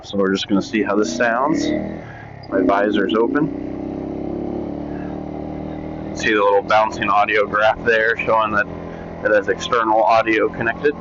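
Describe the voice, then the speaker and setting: A man's voice: lowish voice, measured pace, long pauses. Man talking through a motorbike helmet intercom. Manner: relaxed, chatty, talking while riding. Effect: heard through a motorbike helmet intercom mic. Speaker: motorcycle vlogger. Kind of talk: casual riding commentary. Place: riding a motorcycle outdoors. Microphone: cheap Bluetooth helmet headset mic. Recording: muffled lo-fi helmet mic with faint road noise.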